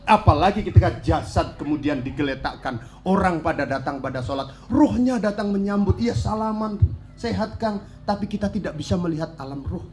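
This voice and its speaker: A high-pitched man delivering a sermon to a gathered audience. He speaks animatedly and slips into the pleading voice of a dead soul. Faint noise hums in the background. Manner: animated, acts out the dead soul's pleas. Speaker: preacher.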